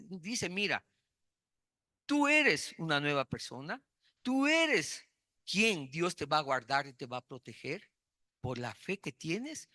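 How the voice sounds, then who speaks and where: A man's voice: a little high, pushed and bright, no echo, clean studio sound. A man preaching a sermon, repeating key words for emphasis and telling personal stories.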